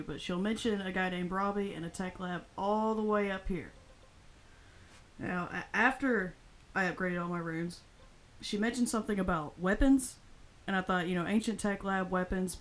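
A woman hosts a casual let's-play, chatting, explaining game tips, laughing often, and reading the game's dialogue out loud. She has a medium-pitched voice, and the audio quality is poor.

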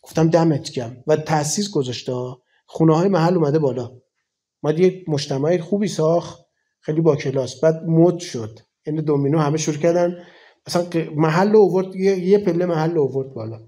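A man's voice: on the high side, dark tone. A man in his forties from Iran, a cleric giving a colloquial, conversational sermon full of rhetorical questions. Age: 40s.

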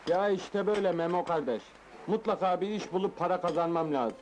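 A man's voice: high voice, a little fast, a little mellow, a little hiss or hum, lightly acted, poor audio. An actor playing a naive young man from the provinces, looking for work and speaking rustically. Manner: rustic, exclamatory.

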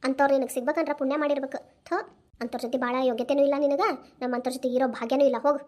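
A woman's voice: high-pitched, fairly even intonation, very fast, darkish tone, lightly acted. A woman voicing a stern, unforgiving old village mother in a cartoon, scolding with a North Karnataka accent. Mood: bitter. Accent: North Karnataka Kannada. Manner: scolding, lecturing. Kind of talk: cartoon voice acting.

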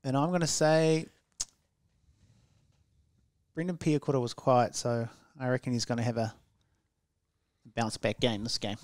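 A male podcast host with a broad New Zealand accent and a medium-pitched voice. He talks sport casually and bluntly, swearing like he is among mates. The sound is dry and close on a headset. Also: fairly even intonation, a little slow, pauses often, dry recording. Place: small indoor podcast setup, backdrop and curtains. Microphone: headset mic.

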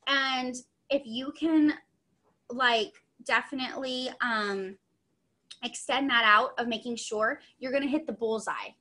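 A woman's voice: fairly high pitch, unhurried, bright, forceful tone. A young adult woman giving a chatty, upbeat online training session, full of asides, over a video call. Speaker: sales trainer.

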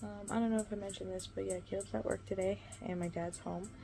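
Holding her phone at arm's length, a twenty-something vlogger gives a chatty update on her day from home, on the couch and in a small room, rambling and saying "um" a lot. She speaks quickly in a steady, mellow mid-range voice with vocal fry. Faint music plays behind her, and the audio is poor.

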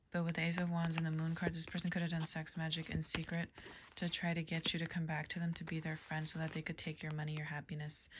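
A woman giving a tarot reading to a general audience, in a calm, even delivery with soft whispered asides. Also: low-pitched, a little hiss or hum. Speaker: tarot reader.

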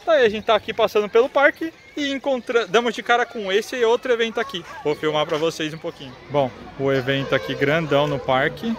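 A man in his thirties with a Brazilian Portuguese accent vlogs casually outdoors, his high voice running a little fast with few pauses. Walking through a busy town square and park, this travel vlogger chats and points things out, phone held at arm's length, amid crowd and street noise.

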